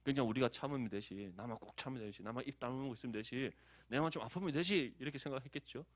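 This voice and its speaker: A man's voice: medium pitch, fast talker, no room sound. A man from Daegu with a Gyeongsang accent, preaching a conversational sermon as pastor. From Daegu, South Korea. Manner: conversational, animated, asks the congregation for agreement.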